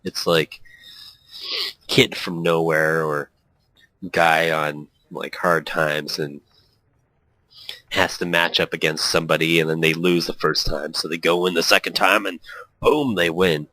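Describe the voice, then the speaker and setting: A very deep, bright, forceful male voice with a steady tone reads a visual novel a little slowly, pausing often. He's a let's play host who jokes, laughs frequently, and stumbles and self-corrects through quoted character lines and casual commentary. The audio is poor, though without echo.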